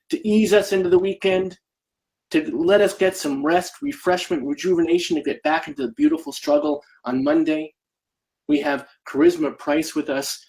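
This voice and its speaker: A male host with a fairly high voice opens and promotes his nightly show. He speaks like an effusive showman, theatrical and upbeat, leaning on emphatic words and repeated phrases. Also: low-quality recording. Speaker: host of a nightly virtual talk show and activist. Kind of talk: upbeat show-opening welcome and announcements.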